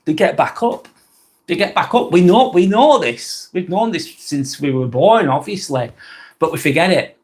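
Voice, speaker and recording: This man, speaking with a Lancashire accent from northwest England, hosts a casual live vlog at normal speed, expressive yet rambling and blunt. He swears casually, restarts sentences often, and his voice runs on the high side.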